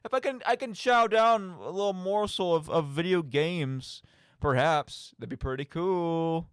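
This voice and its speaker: In a clear, resonant, fairly high voice, a man speaks unhurriedly as the lone host of a radio show, wandering casually through video game talk. He turns animated and theatrical, throwing in mock outbursts and asides, on a dry recording.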